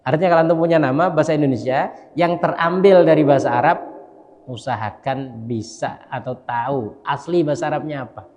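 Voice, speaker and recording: A male mosque imam giving a casual dawn study lecture. He talks conversationally, often checks with listeners through tag questions, and slowly spells out Arabic letters. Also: mid-range voice, a little mellow. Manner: conversational, keeps asking listeners "ya kan?". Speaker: mosque imam and religious teacher. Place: large mosque. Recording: long hall reverb in a mosque.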